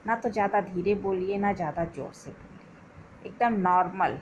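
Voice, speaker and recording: Woman vlog host, lower voice, chatty and repetitive, talks straight to viewers, light background hiss. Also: low-quality recording. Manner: chatty, repeats phrases, addresses viewers as friends. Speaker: motivational video host. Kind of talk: casual spoken advice to viewers.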